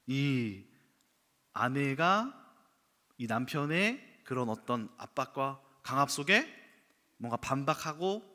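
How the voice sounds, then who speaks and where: A man, a pastor, preaching a sermon with animated storytelling and acted-out quotes. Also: medium pitch. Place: church sanctuary. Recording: long church hall reverb.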